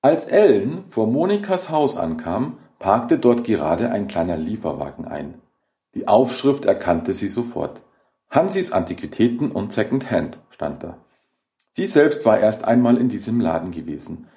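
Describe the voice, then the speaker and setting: Deep, mellow male horror narrator. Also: big pitch swings, measured pace. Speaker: audiobook narrator.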